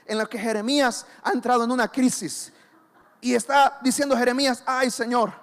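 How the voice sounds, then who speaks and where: Male pastor, high voice, fervent sermon, long hall reverb. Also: steady tone, a little fast. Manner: impassioned preaching that swells to loud emphasis. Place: church.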